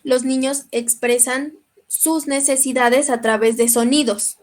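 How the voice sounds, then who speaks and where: A woman with a Mexican accent teaches a lecture in a high voice. She keeps checking that her listeners follow her and clears her throat now and then. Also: steady tone, measured pace. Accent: Mexican Spanish.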